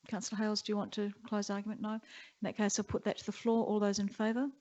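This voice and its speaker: A woman chairing a council meeting, running through motions and votes in a brisk, procedural way. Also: medium pitch, level tone, a little mellow. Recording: dull muffled council chamber audio.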